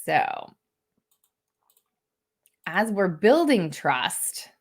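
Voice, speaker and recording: A woman's voice: lowish voice, very animated, drawn-out words. A woman coaching teams in a live online workshop, talking casually and upbeat, often tagging her points with "right?". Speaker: team coach presenter.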